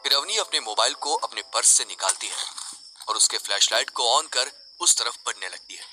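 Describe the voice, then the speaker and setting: A man narrating a Hindi audio story in an expressive, scripted way. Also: mid-range voice, moderate pace, soft background music, poor audio.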